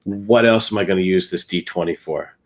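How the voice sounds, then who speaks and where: Laid-back joking guy on a board game podcast, lowish voice. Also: a little fast, poor audio. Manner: easygoing, joking. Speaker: podcast co-host. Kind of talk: casual chat.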